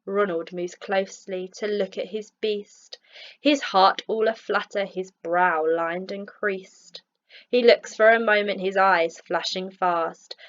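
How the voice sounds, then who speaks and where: A teacher reads a rhyming storybook to children in an expressive, measured style, her voice mid-range, captured on lo-fi audio.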